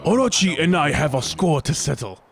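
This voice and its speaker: A man voicing a drunken, boastful male warrior in a slow, slurred, solemn way during a game playthrough. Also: a little high, big pitch swings, vocal fry, crowd noise.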